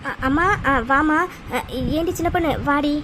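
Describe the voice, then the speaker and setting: A woman's voice: high-pitched, steady tone, unhurried, background noise. A woman voicing a hesitant, stammering mother. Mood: anxious. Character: worried middle-aged village mother. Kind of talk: cartoon voice acting.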